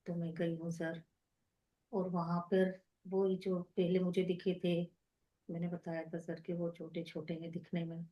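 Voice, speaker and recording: A woman on a video call telling her teacher, in the present tense, what she saw while meditating, speaking softly and addressing him as sir. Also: fairly low pitch, muffled recording. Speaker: meditation participant sharing her experience. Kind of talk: personal account of a meditation vision.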